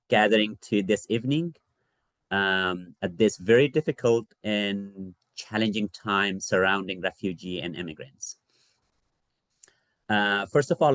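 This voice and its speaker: A man's voice: on the low side, no echo. Earnest man from Afghanistan presenting. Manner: earnest, measured, with frequent fillers. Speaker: refugee services associate director. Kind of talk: library presentation.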